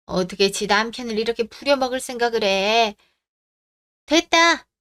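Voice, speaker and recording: A woman playing a stubborn, scolding older mother-in-law in a radio drama, sharp-tongued and nagging. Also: on the high side, animated, normal speed. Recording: dry close studio sound.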